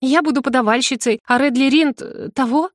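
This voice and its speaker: A flustered young student girl, as a woman narrator puts her on, protesting in a raised, exclaiming voice. She argues back quickly and sounds indignant. The recording is dry and close. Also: no echo, close to an everyday voice. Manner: high, exclaiming, argumentative. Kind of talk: audiobook character voice.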